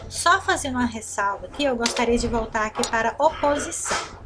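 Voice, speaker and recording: A Brazilian schoolteacher, a woman with a slightly high voice, walks her class through a lesson, drawing out each syllable and checking in again and again. The recording carries a faint hiss. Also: expressive. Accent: Brazilian Portuguese. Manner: slow, drawn-out repetition of syllables, frequent "né?" and "tá certo?" check-ins. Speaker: teacher. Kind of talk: recorded online grammar lesson.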